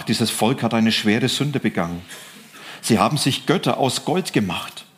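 A man preaching a sermon. He reads scripture passages aloud and stresses key phrases by raising his pitch and slowing down.

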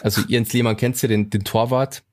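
A man's voice: fairly low pitch, level tone, a little fast, no echo, studio quality. A man co-hosting a casual podcast chat, telling stories in a loose, slangy way and dropping in English words. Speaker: podcast co-host.

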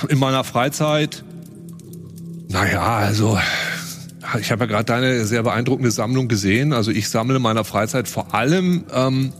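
Man as a halting, cheerful yet cruel young noble; mid pitch, faint music behind. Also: lightly acted. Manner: halting, hesitant, many restarts.

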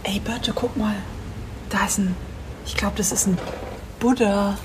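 A woman vlogger chatting excitedly while exploring, often dropping to a whisper. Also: medium pitch, measured pace, roomy sound. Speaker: vlogger exploring a mystery villa. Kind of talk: casual exploring chat. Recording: noisy background.

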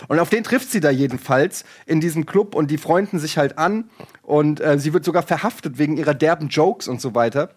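Young male host, slightly high voice, lively retelling with laughs. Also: fairly quick. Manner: animated storyteller, laughing, acts out quotes. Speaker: podcast host recommending a series. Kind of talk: casual chat.

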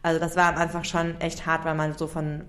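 A woman's voice: deep voice, monotone, brisk, fairly bright tone. A young woman co-hosting a podcast, chatting casually about early motherhood with lots of fillers and tag questions. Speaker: podcast co-host. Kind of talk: casual chat.

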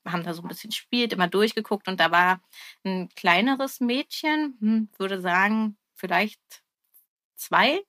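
A woman's voice: mid-range voice, unhurried, pushed and bright, dry recording, clean studio sound. A woman, a mother, telling a story about her child in a hesitant way, with many fillers and frequent laughs. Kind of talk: casual storytelling.

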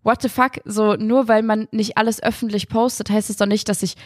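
Young woman rattling off a story super fast, lots of ums, dry close sound. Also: mid-range voice, level tone, a little mellow, no echo. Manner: quick, chatty, lots of fillers and quoted dialogue. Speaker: guest. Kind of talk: casual storytelling. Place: at home.

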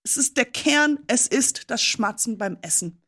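A woman's voice: a little high, animated, fairly bright tone. Theatrical woman with a raised voice. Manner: theatrical, mock-grand, slowing down for effect. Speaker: panel player. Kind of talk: playful comic monologue.

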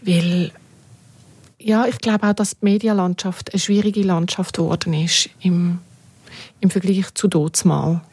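A middle-aged or older woman, appearing as an interview guest, reminisces about her media work in a conversational, reflective way. Her voice is on the low side, steady, unhurried, a little mellow and slightly rough.

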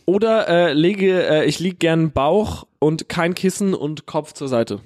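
A man with a Palatinate German accent telling an animated, slangy story in casual chat, full of fillers. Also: on the high side, measured pace.

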